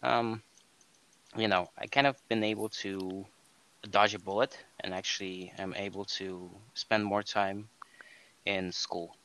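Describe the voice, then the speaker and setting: A young Estonian man co-hosts a podcast in casual chat, rambling, filling his speech with fillers, and often correcting himself mid-sentence. His voice is on the low side, bright and forceful, with fairly even intonation and a measured pace, captured in a low-quality recording.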